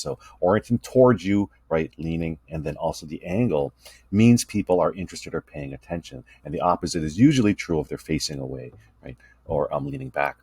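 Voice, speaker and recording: A communication instructor with a low, slightly husky voice walks students through his slides in an easy, conversational way, often checking in with "right?". He is recorded close up with no room sound. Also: a little mellow, no echo. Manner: conversational, tag questions "right?" and fillers. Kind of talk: recorded lecture over slides.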